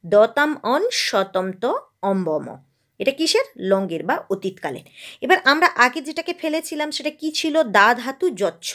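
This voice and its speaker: A woman's voice: fairly high pitch, very animated, normal speed, fairly bright tone. A woman from West Bengal teaching a Sanskrit grammar lesson, asking her own questions and drilling verb forms.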